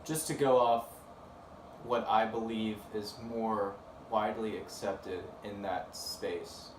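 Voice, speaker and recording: A young college man answering interview questions in a relaxed, hesitant way with fillers. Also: fairly low pitch, takes it slowly. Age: young adult. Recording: roomy, distant, noisy.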